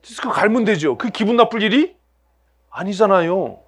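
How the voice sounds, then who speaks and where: A man's voice: high-pitched, expressive, normal speed, slightly rough. A male pastor preaching a sermon to his church, asking the congregation rhetorical questions and acting out everyday scenes in other voices. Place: church sanctuary.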